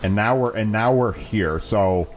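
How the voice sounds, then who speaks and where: A man's voice: on the low side, a little slow. A man co-hosting a let's play with casual, sardonic commentary and mock confusion.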